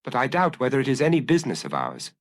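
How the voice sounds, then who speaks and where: A man voicing a shrewd priest detective who speaks quietly and reflectively. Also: mid-range voice, huge pitch swings, quick pace, voice pushed up.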